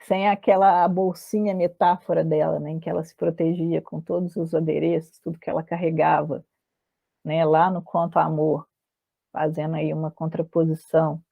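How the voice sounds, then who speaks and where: A woman teaching a literature class, reading passages aloud and often pausing to say "né". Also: low voice, flat delivery, vocal fry, no echo. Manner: frequent filler "né", halting restarts. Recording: dry, tinny phone-like audio.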